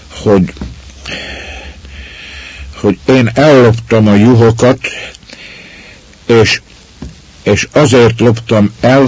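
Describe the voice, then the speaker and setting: A man's voice: mid-range voice, a little mellow, no echo, muffled recording, pitched above the performer's own voice, lightly acted. A man voicing a frightened young shepherd who stammers and halts over his words, in a storybook reading. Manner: stammering, halting.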